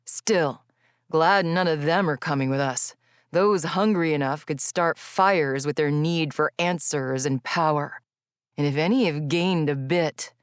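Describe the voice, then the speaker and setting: A woman's voice: sits low, unhurried, clean tone, no echo, clean studio sound. Woman doing a huge, easygoing male Fae. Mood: wry.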